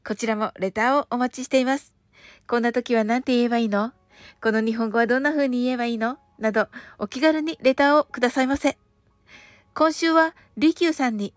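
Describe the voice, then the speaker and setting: Gentle woman radio host, dry sound. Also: a little high, no room sound. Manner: polite, gentle, slow careful English phrases. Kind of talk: relaxed scripted radio talk with English lessons.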